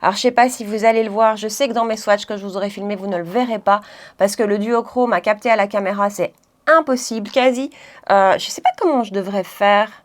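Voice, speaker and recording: A woman's voice: mid-range voice, fairly quick. A woman chatting through a makeup tutorial, laughing often and correcting herself as she goes. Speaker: beauty vlogger.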